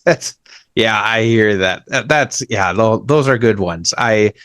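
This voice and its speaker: A man's voice: lowish voice, slow pace, a bit bright, no echo, studio quality. A man from Minnesota hosting a podcast, chatting in an easygoing, self-deprecating way. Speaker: podcast host. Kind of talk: casual chat.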